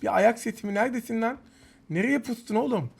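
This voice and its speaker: A man giving live gameplay commentary, excitable and taunting his opponents while he talks to viewers. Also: very high-pitched, quick pace, vocal fry, husky. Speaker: gaming YouTuber. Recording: game gunfire loud behind voice.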